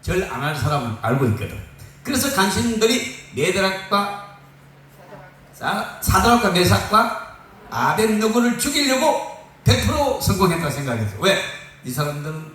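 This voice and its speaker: A male pastor preaching a sermon in a lively, joking way, laughing often, recorded on a phone from far off in a church hall. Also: high-pitched, normal speed. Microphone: phone far off in the room. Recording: echoey room from far off on a phone.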